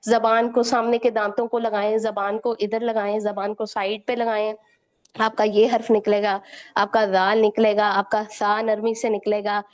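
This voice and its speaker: A woman's voice: medium pitch, darkish tone. A woman teaching Quran recitation, explaining each point and then quizzing her listeners with questions, with frequent checks of "okay?". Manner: repeats "theek hai" to check understanding, quizzes listeners with questions. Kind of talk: explanatory lesson to students.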